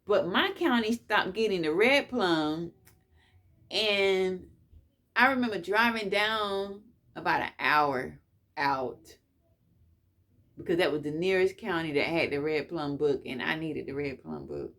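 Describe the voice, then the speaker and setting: A woman's voice: fairly low pitch, sing-song, measured pace, fairly bright tone. A woman telling stories from her past in a casual, slangy way, repeating phrases for emphasis. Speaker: couponing vlogger. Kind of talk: casual reminiscing storytelling.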